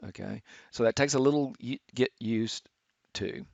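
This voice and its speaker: A middle-aged man teaching architecture students, talking through a software tutorial with many fillers and restarts. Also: mid-range voice, moderate pace, gravelly, a little hiss or hum. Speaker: architecture instructor. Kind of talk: screen-recorded software tutorial. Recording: dull, lo-fi screen capture.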